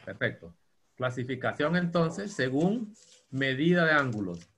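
A man teaching a university geometry class, dictating slowly and spelling out terms. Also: medium pitch, big pitch swings, fairly bright tone, slight background noise. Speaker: geometry lecturer.

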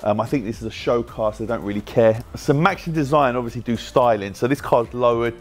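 This car wrap shop owner, a British man in his thirties, leads a casual, jokey tour through his large, bright indoor workshop while chatting with his employees. His medium-pitched voice carries a British English accent and moves a little fast.

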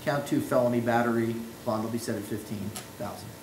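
A man serving as judge in a courtroom recording, setting bonds and reading case numbers in a measured, procedural manner. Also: medium pitch, fairly even intonation. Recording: echoey courtroom audio, faint noise.

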